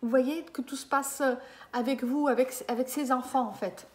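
This woman in her fifties, a medium, speaks at normal speed in a high, steady voice during a live reading session with a client. She uses a desk webcam in a small indoor room and comes across as hesitant, with many fillers and frequent check-ins with her listener.

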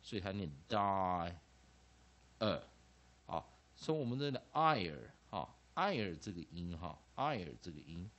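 A deep-voiced man, an English teacher with a Taiwanese Mandarin accent, lectures on phonics classroom-style at normal speed with few pauses, though the recording is muffled. His manner is lively, full of "ah" and "ha" tags and repeated terms.

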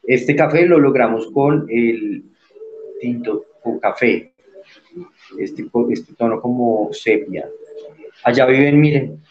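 A man's voice: mid-range voice, takes it slowly, pauses often, a little mellow, lo-fi sound. A man teaching an online art class, explaining as he works and checking in with frequent tag questions.

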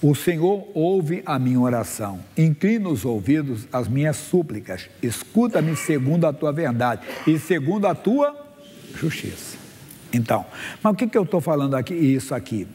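A man's voice: a little high, big pitch swings, normal speed, mellow, slight background noise. A man in his sixties, a pastor preaching a sermon from the stage to his congregation, reading Bible verses aloud and asking them questions. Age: 60s. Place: church stage before a congregation. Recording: long hall reverb.

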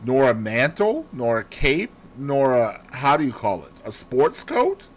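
In audiobook character dialogue, a man with a mid-range voice and big pitch swings plays a fussy, lilting, placid Belgian detective who is growing old. He questions methodically, precise and deliberate, sprinkling in French phrases.

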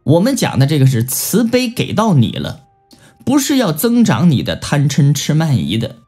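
A man's voice: fairly high pitch, normal speed, slightly rough, soft background music. A man giving a Buddhist scripture lecture, telling stories and acting out the people he quotes. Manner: animated storytelling with acted-out quotes. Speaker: Buddhist teacher.

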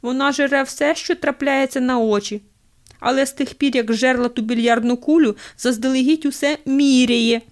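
A woman's voice: sits high, fairly even intonation, moderate pace, pitched above the performer's own voice, lightly acted. A woman voicing an unbothered young man who talks in a breezy, shrugging way.

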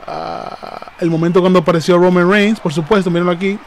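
Guy streaming live, high voice, super hyped, keeps repeating stuff to chat, bit of noise behind. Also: steady tone, fairly quick, creaky. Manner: hyped, repeats phrases, keeps calling out to viewers. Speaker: live streamer reacting to wrestling news. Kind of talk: excited live reaction stream.

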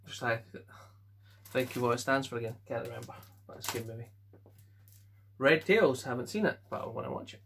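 Bright-voiced Scottish man chatting casually. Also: mid-range voice, expressive, gravelly, slight background noise. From Scotland. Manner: offhand quick verdicts, chuckles to himself. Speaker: collector showing his film collection. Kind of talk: casual chat.

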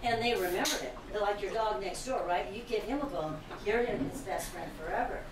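A woman's voice: mid-range voice, a little fast, noisy background. A woman tour guide giving chatty, explanatory commentary on a glass-bottom tour boat. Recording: roomy, distant, crowd of passengers.

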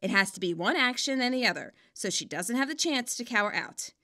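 A woman with a slightly high, sharp, expressive voice speaks fairly quickly. A fan fiction author and video narrator, she delivers scripted narration that shifts between playful, wry commentary and storytelling.

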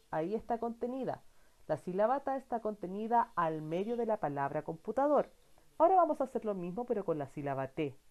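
A woman leads a children's reading lesson, speaking slowly and patiently. Her pitch rises and falls a lot as she encourages the listener and answers her own questions. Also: a little mellow. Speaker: teacher.

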